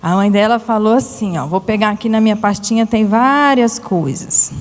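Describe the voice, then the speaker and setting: A woman telling a Bible story to children in a church, animated and asking them questions. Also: mid-range voice, moderate pace, big-room sound. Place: church hall.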